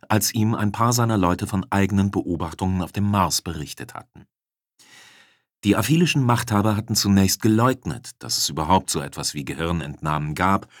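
A male audiobook narrator reading in a measured, dramatic way. His voice sits on the low side. The recording is dry, with no room sound. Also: no echo.

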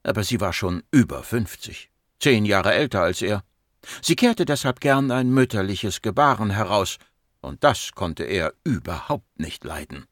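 A man narrating an audiobook in an expressive storytelling manner. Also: lowish voice, a little slow, no echo, studio quality.

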